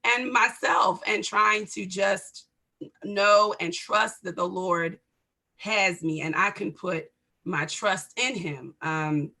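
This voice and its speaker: A woman in her forties speaks earnestly on a church video call, sharing her faith struggles in a bright, forceful voice. Her tone is heartfelt and direct. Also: medium pitch, slow, gravelly. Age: 40s. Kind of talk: personal testimony in group chat.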